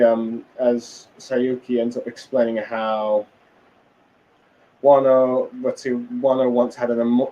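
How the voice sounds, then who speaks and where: A man's voice: mid-range voice, warm tone, muffled recording, slight background noise. A tired man casually recapping a comic chapter, rambling with many fillers and restarts. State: tired, yawning. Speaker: manga reviewer.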